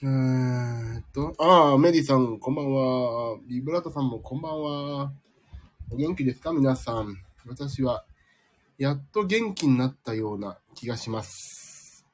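A man's voice: medium pitch, unhurried. A man hosting a casual live stream from home, chatting with listeners in a sleepy, rambling, self-deprecating way, slightly nasal from a cold. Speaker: livestream host.

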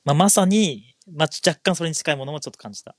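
A man's voice: on the high side, fast, no echo, clean studio sound. A man around thirty co-hosting a casual podcast chat, answering with constant short backchannels and teasing remarks. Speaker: podcast co-host.

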